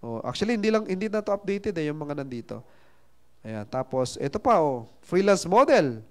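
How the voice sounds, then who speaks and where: Casting: male seminar presenter, high voice, playful storyteller. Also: sing-song, normal speed, darkish tone. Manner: chatty, playful, asks the audience questions. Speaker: seminar speaker. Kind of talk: motivational seminar talk with storytelling.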